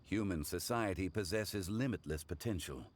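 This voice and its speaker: Low-voiced wise, courtly gentleman. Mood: reflective. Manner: formal, measured, philosophical. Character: ancient wise gentleman, calm, courteous, scholarly. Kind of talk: video game dialogue acting.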